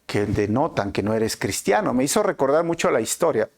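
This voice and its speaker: A man's voice: a little fast, gravelly. A man with a Peruvian Spanish accent teaching a Bible passage in a conversational way, often checking in with his listeners. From Peru. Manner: conversational, frequent tag questions, animated swings in pitch. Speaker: pastor.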